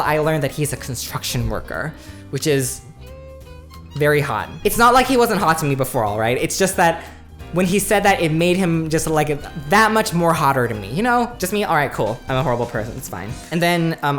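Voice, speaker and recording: A man's voice: a little high, fairly bright tone. A young man from the USA telling a dating story to camera in a casual, chatty way, full of "like" and "you know" and wry self-mocking asides. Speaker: vlogger.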